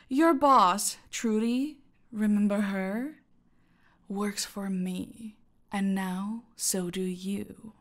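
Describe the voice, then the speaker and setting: A female voice of medium pitch belongs to an actress in a roleplay audio drama, cast as a menacing, silky, aristocratic cartel boss. She speaks in a condescending, deliberate way, often sinking toward a whisper.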